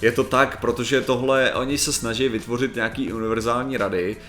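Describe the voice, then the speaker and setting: Sarcastic young guy chatting casually, swears a lot, roomy echo, faint music under it. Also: medium pitch. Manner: sarcastic, animated, swears freely. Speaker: podcast co-host. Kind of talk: casual chat. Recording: echoey room.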